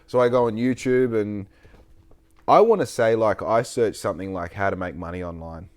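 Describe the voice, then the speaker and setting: A man's voice: fairly low pitch, normal speed, a little mellow. A man in his late twenties with an Australian accent, hosting a casual podcast chat and telling stories in a rambling, sweary way. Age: 20s. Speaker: podcast host.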